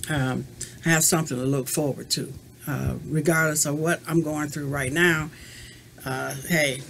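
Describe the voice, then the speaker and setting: Talking to her webcam from desk distance in a small home room, a crochet vlogger in her fifties works through tag questions in a casual, rambling, reflective way, full of "you know." Her voice is deep. A bit of hiss or hum sits in the recording.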